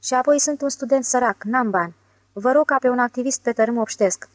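A woman's voice: on the high side, dry recording, natural voice. A woman reading a glib young con man. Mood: pleading. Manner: glib, wheedling, sarcastic. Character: scheming smooth-talking young male con man. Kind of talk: audiobook character voice.

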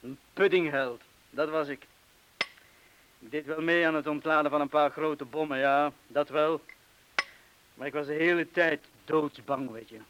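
An actor in a Dutch radio play, lightly acted, gives the bitter confession of a wartime bomb disposal man who doubts himself and calls himself a coward in plain, self-mocking language. He speaks at a measured pace with frequent pauses, in a fairly even, higher-pitched voice, on a hissy old recording.

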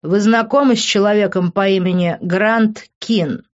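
A woman reading an audiobook, voicing a gruff, matter-of-fact male police officer on the phone. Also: mid-range voice, fairly even intonation, a little slow, close to an everyday voice. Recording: dull lo-fi recording.

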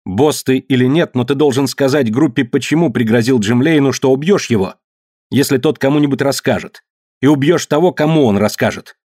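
A man's voice: medium pitch, fairly quick, darkish tone, dry recording, studio quality, pitched above the performer's own voice, close to an everyday voice. A man voicing a brave young girl who protests passionately against injustice. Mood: indignant.

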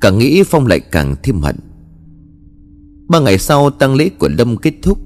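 A man giving dramatic, expressive narration of a scripted horror story. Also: medium pitch, moderate pace, faint music behind.

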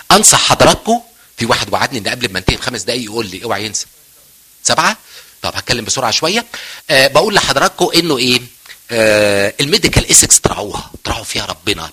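A middle-aged man with an Egyptian accent giving a joking, lively talk to medical students, asking and answering his own questions. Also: mid-range voice, slightly rough. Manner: joking, mixes English terms, asks and answers himself. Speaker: physiology professor giving a talk.

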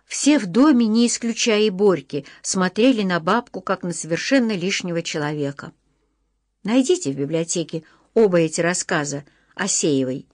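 A woman reads a children's book aloud in an even middle register. Her delivery is measured and expressive, and she slows down to lean on key phrases. The sound is dry and close, with no room around it. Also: medium pitch, dry recording. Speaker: audiobook narrator. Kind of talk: audiobook reading of a children's book.

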